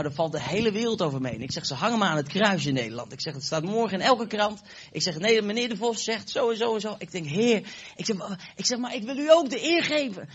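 A high-voiced man preaches with a husky edge, acting out every line of dialogue as he tells his testimony. The sound is dull and a little lo-fi. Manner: animated storytelling, acting out dialogue. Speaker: evangelist preacher. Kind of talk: sermon testimony.

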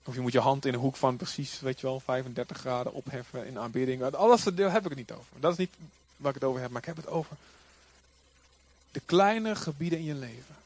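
A male pastor preaching a sermon with passion, rising now and then to loud cries. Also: medium pitch, quick pace.

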